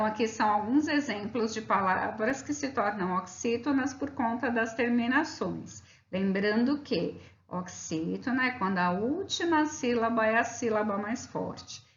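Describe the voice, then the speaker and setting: A woman teacher explains a grammar lesson from her slides, patient and methodical, drawing out example words slowly. Her voice sits in a roomy space with noticeable echo. The sound is dull and slightly lo-fi. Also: mid-range voice, expressive.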